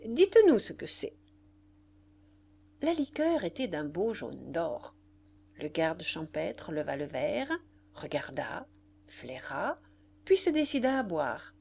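Slow, expressive woman narrator. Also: sits low, gravelly, slightly rough. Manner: measured, expressive reading. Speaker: audiobook narrator. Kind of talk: literary audiobook narration.

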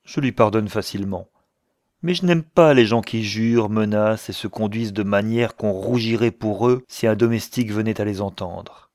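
A man reading the part of a stiff gentleman captain who speaks with cool disapproval. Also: on the low side, moderate pace, no echo, clean studio sound, lightly acted. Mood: disdainful.

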